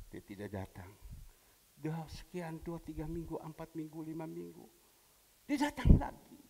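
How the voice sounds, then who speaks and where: A male pastor from preaching a sermon, telling a story with quoted dialogue and big swings in pitch and loudness. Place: church hall. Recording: long church hall reverb.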